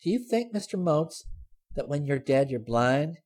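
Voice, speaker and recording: Guy putting on a nosy landlady, husky voice, sing-song and pushy. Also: a little high, big pitch swings, moderate pace, darkish tone, pitched above the performer's own voice. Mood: prying. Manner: wheedling, badgering questions. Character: nosy middle-aged female landlady, prying and persistent.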